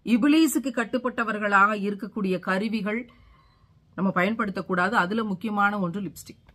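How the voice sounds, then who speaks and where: A woman's voice: mid-range voice, moderate pace, fairly bright tone. Middle-aged woman preacher, mid-range voice, fervent and imploring, hammers repeated lines. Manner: pleading, rising to fervent emphasis; repeats phrases for rhetorical force. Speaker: religious speaker. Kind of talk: impassioned sermon.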